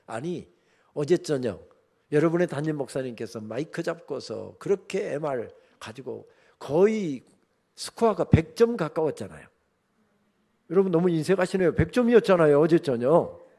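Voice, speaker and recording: A man's voice: on the high side, mellow. A man giving a sermon as guest preacher at a revival meeting, telling the story with humorous asides to the congregation. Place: church sanctuary.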